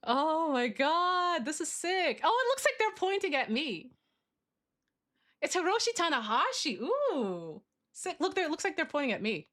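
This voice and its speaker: A woman's voice: high-pitched, sing-song, moderate pace, a bit bright. A woman livestream host chatting casually while she draws, with a cute, bubbly anime-streamer manner and playful, informal slang.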